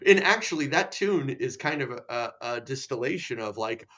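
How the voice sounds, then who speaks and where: A musician guest in casual chat, talking in rambling, searching sentences with many "you know"s. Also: male voice, mid-range voice, animated, normal speed, sharp tone.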